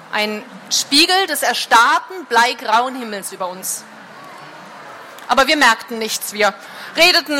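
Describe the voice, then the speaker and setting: A woman reading a novel aloud with expressive, dramatic narration. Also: high voice, slight background noise. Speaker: reader.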